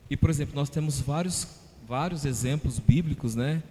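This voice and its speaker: A pastor explaining scripture in a church podcast, teaching through rhetorical questions. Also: male voice, mid-range voice, moderate pace, dark tone. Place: church hall. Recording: reverberant church hall.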